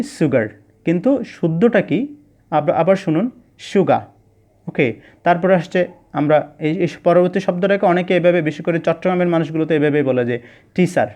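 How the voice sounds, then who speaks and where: Man teaching english online, kinda high voice, repeats words slowly, throws english phrases in. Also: darkish tone. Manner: explains slowly and repeats words for pronunciation drills; mixes English phrases into Bengali speech.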